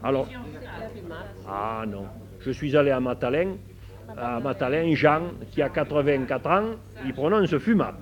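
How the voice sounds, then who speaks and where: A man's voice: medium pitch, measured pace. A man, carefully explaining how local place names are pronounced to a group, often restarting his sentences. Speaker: local place-name researcher. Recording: muffled lo-fi room recording with group.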